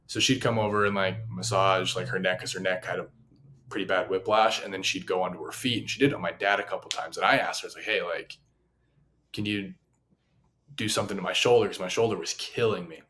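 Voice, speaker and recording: Deep-voiced and quick, a young man co-hosting a laid-back podcast tells funny stories with lots of energy, performing each quote as he goes.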